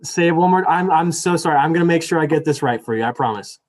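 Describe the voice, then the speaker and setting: This young man, a student elections director, is moderating a live virtual debate over a video call in a fairly high, slightly mellow voice, talking fast. He starts out apologetic and chatty, full of fillers, before switching to a formal reading of the rules.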